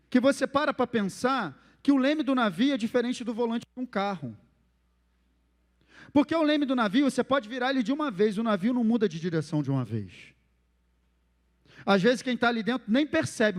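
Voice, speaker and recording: A man with a Brazilian Portuguese accent preaching a sermon as pastor, animated and acting out the phrases he quotes. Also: very high voice, in a large hall.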